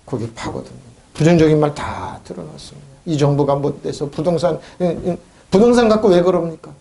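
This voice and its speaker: A man preaching a sermon as a pastor. He talks in an animated way, asks rhetorical questions, mocks the complaints of believers, and calls for amens. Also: on the high side, fairly quick, creaky. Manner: calls for amen responses.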